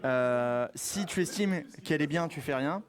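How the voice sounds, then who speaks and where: A man streaming at a live event, casually explaining the rules of a game to other streamers, excitable and quick to yelp and swear. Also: a little high. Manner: excitable, yelps and swears loudly when shocked. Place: crowded indoor event venue. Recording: busy crowd noise of a live event.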